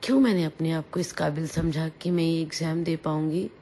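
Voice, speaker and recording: A woman hosting a radio story show, telling a story in the first person in a calm, intimate way. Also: deep voice, brisk, a little hiss or hum.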